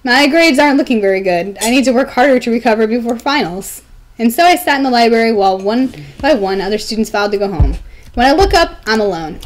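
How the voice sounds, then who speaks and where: A woman's voice: on the high side, expressive, fast, lightly acted, poor audio. A woman playing a polite, earnest schoolgirl heroine with a dainty, princess-like delivery in a live visual novel reading. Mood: musing. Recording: faint music behind.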